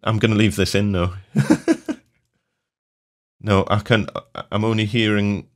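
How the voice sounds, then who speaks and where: A man's voice: fairly low pitch, flat delivery, unhurried. A man co-hosting a podcast, talking in a chatty, explaining way over a video call. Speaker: podcast co-host. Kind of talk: casual chat.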